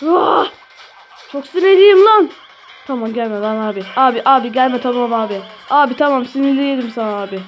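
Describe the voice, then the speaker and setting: High-voiced woman yelling at a game. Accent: Turkish. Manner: swears and shouts at opponents. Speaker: gaming channel host. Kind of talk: live gameplay commentary. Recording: faint game music behind.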